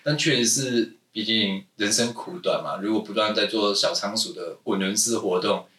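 A man's voice: lowish voice, normal speed, pushed and bright, far from the mic. A man with a Taiwanese Mandarin accent, hosting a podcast interview and asking teasing, joking questions. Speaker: podcast host. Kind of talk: casual interview. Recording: roomy, set back from the mic.

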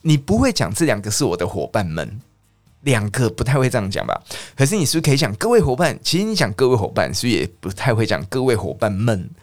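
A man teaching an English lesson, chatty, asking his listeners questions and repeating words slowly. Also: mid-range voice, very animated, dry recording. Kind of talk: lively lesson.

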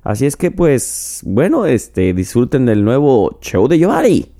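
A man's voice: medium pitch, huge pitch swings, unhurried, warm tone. A man with a Mexican accent hosting a podcast alone, rambling and joking with profanity while drinking. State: drinking mezcal while talking. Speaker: podcast host. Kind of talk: casual solo podcast monologue.

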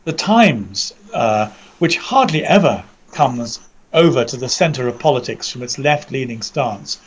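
Over a dull, lo-fi internet call, an English-accented man gives news commentary in a conversational way. He is measured and articulate, sometimes doubling back on words. His pitch sits in a middle male range. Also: expressive, husky. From Britain. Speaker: commentator, co-presenter. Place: indoors under a roof, remote audio call.

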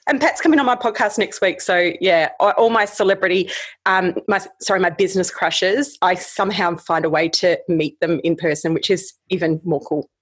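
Female podcast guest, marketing pro, bubbly and quick to laugh. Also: lowish voice, slightly rough. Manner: bubbly, flattering, laughs easily. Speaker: podcast guest, social media strategist. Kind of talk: casual podcast chat.

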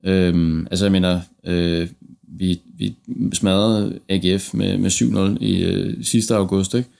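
Low, creaky-voiced podcast host, male. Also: steady tone, darkish tone. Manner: tentative, circles around his points. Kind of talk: casual football discussion.

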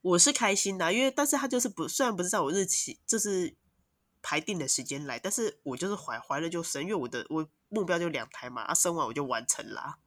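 A woman, a mother of two, telling long, animated stories as a podcast guest. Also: on the low side, fast, no echo, clean studio sound. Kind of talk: casual podcast chat.

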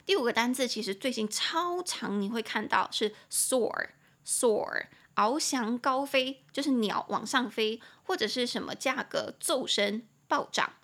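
A young woman hosting a chatty podcast English lesson, explaining words slowly and repeating them. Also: a little high, expressive, a bit bright. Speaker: podcast host, English teacher.

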